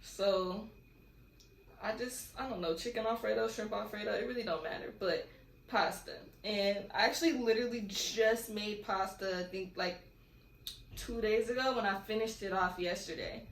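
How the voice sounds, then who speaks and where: A woman's voice: medium pitch, normal speed. A young woman from California chatting casually and rambling through a Q&A vlog at home. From California, USA. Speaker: vlogger. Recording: echoey room with faint background noise.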